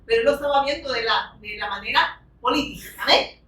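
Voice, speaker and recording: A woman's voice: high voice, fairly quick, pushed and bright. Fervent woman preacher in echoey church. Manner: fervent, frequent rhetorical questions and amens. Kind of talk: sermon. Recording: echoey room, distant from the mic.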